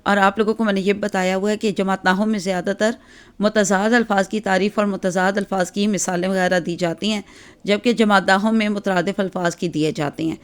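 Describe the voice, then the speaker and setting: A woman with a Pakistani Urdu accent teaching an exam-focused grammar lesson, explaining patiently with frequent check-ins and filler pauses. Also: medium pitch, fairly even intonation, clean tone.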